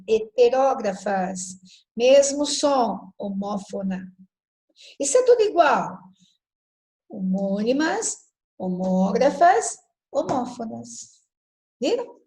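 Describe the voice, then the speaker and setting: A woman teaching a recorded lesson, spelling out words slowly, checking that students follow and correcting her own slips. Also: fairly high pitch, darkish tone, low-quality recording. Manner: self-correcting, apologetic over slips.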